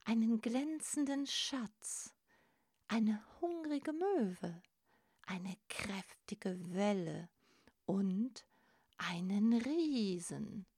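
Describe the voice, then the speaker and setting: A woman narrating a storybook in a gentle, expressive reading. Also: mid-range voice, drawn-out words, breathy edge, no echo, clean studio sound.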